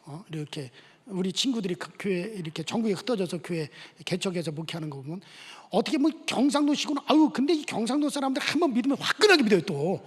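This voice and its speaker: A male pastor delivers a sermon in a lively storytelling style and keeps checking in with the congregation. His voice sits high and swings widely in pitch. He is recorded in a church sanctuary with a long, ringing echo. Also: fast, husky. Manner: animated storytelling with frequent questioning asides. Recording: reverberant church hall.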